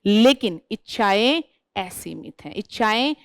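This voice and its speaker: A woman's voice: mid-range voice, animated, slow pace, dry recording, studio quality. A woman teacher giving a classroom lecture who keeps asking her class questions and then answering them herself.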